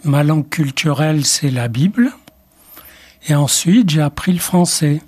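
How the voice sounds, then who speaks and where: An older Moroccan psychoanalyst whose first language is Arabic answers a radio interviewer's questions slowly and reflectively, with hesitant restarts. His voice is a little high, darkish and husky.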